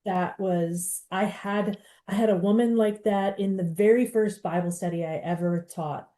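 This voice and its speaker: Middle-aged female interview host, mellow voice, animated, fast chatty delivery. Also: mid-range voice. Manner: animated, fast-talking with restarts. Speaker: podcast host. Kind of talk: conversational interview.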